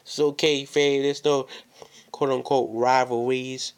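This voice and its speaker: A man's voice: mid-range voice, level tone, unhurried. A man delivering a wrestling promo, confrontational and boastful, repeating phrases for emphasis as he calls out an opponent.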